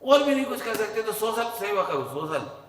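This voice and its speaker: A man's voice: high voice, very animated, a little fast, fairly bright tone. A man giving a religious discourse as a Jain preacher, telling stories and acting out their dialogue. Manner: storytelling with acted dialogue. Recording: echoey hall reverb, faint ambience.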